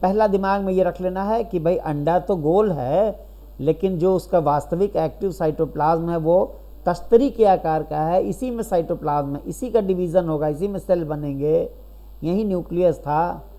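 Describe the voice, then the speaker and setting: Man teacher with a warm, mellow voice, patient lecture style, asks and answers his own questions. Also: high-pitched, normal speed. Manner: explains step by step, asks questions and answers them, keeps checking with "right?". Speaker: biology teacher. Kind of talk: recorded classroom lecture.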